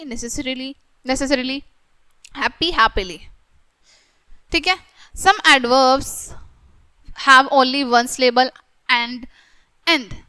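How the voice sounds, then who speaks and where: A woman with an Indian English accent teaching a grammar lesson to children. She reads English examples slowly and then explains them. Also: sits high, fairly bright tone, no echo.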